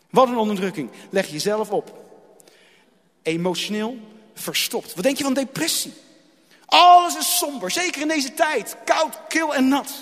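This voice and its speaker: A man with a strikingly high voice delivers a dramatic sermon. He repeats key phrases and swings from loud, driving lines to hushed ones. His words ring out with a long reverb, as if spoken in a large hall. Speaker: preacher.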